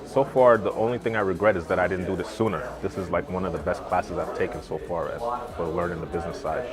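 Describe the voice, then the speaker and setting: A man from New York giving a relaxed, casual testimonial as a seminar student. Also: low-pitched, quick pace. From Brentwood, New York. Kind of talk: testimonial interview. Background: background music.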